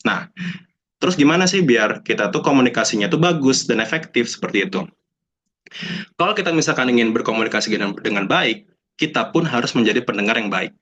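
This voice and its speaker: An alumnus, a young man with a mid-range, slightly bright voice, talks a little fast and animatedly to a room of students. He stays chatty, drops in English phrases and acts out the people he quotes. The recording is dull and lo-fi.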